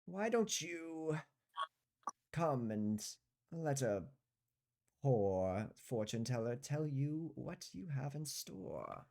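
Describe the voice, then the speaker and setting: A man's voice: medium pitch, sing-song, very slow, creaky, warm tone, voice pushed up, heavily acted. A man voicing a strange old woman fortune teller, sly and imperious, with theatrical patter in a tabletop game. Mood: mysterious, beckoning.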